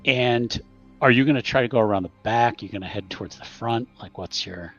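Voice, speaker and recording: A man narrating as game master for a tabletop game, halting, with many ums and restarts. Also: mid-range voice, fairly bright tone, dull audio, soft background music.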